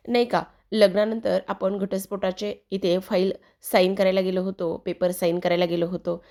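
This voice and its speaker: A woman's voice: mid-range voice, a little mellow. A woman narrating a recap of a TV serial episode in a chatty, repetitive storytelling manner.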